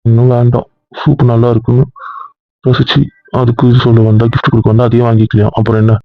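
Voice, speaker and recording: Stubborn husband in a comedy skit, quick and raised; dry lo-fi sound. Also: male voice, medium pitch, little pitch movement, vocal fry, no echo. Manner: insistent, stubborn, often raising his voice. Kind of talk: comic couple skit. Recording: dull lo-fi audio.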